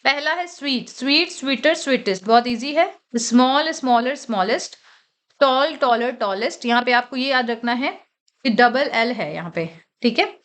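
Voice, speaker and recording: A woman teaching English grammar for exam prep, reading rules slowly in English and explaining them in Hindi, often checking in with "okay?". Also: sits high, expressive, a bit bright.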